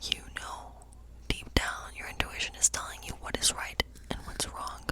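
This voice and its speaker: Here a female ASMR role player whispers throughout as a soft-spoken witch who reads tarot. Nothing is rushed; her words drift in a musing, contemplative way, like thoughts spoken aloud.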